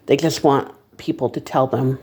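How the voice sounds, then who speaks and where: A novice vlogger talking casually about reselling, in a nervous, halting, rambling way. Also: mid-range voice, steady tone, a little mellow. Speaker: reseller making a first video. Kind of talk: casual vlog monologue.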